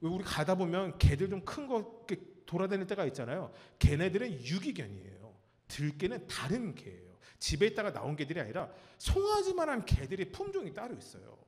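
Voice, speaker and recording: A man preaching a sermon as pastor, telling a story with lively acted-out cries and asking his congregation questions. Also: high voice, fairly quick, few pauses, in a large hall. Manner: animated storytelling, acts out cries and quotes. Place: church sanctuary.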